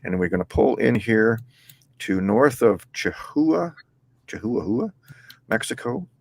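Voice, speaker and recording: A man's voice: mid-range voice, expressive, unhurried, creaky, dry recording. A man hosting a casual interview over a video call, easygoing, often chuckling, and reading out questions from viewers. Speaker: host.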